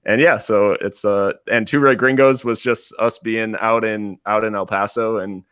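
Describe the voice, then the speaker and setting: An American man chatting casually as a podcast guest, relaxed and rambling with many fillers and restarts. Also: lowish voice, normal speed, smooth, no echo, clean studio sound. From United States.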